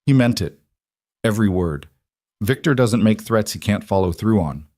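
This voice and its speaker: A man voicing a haunted frontier woman who speaks in a quiet, strained and halting way. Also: fairly low pitch, lively intonation, no room sound, studio quality.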